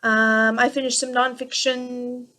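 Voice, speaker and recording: Woman, 30s, podcast host; enthusiastic, rambling chat, slightly high voice. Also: little pitch movement, unhurried, sharp tone. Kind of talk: casual solo podcast chat.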